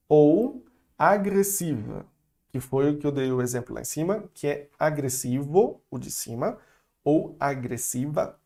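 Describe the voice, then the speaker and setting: A Brazilian man teaching French vocabulary in a relaxed, chatty video lesson, stretching out words for learners to repeat. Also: a little high. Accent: Brazilian Portuguese.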